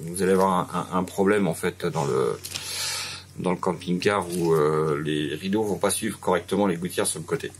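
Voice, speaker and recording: A low-pitched man speaks at a moderate pace against background noise. He's French, in his forties, and casually explains a repair in stages inside a large workshop. His delivery is hesitant, with frequent "euh" and restarts throughout this informal demonstration.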